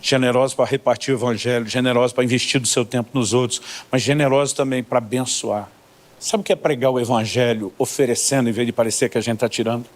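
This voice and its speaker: A man's voice: medium pitch, steady tone, fast talker. Brazilian pastor guy, middle-aged, preaching with funny stories, acts out the back-and-forth himself. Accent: Brazilian Portuguese. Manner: humorous storytelling, acting out dialogues with God and church members. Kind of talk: sermon.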